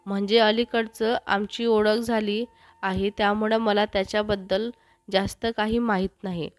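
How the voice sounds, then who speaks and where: A woman's voice: mid-range voice, little pitch movement, moderate pace, no echo, natural voice. Shy young woman, hesitant and pleading, read by a woman; dry sound.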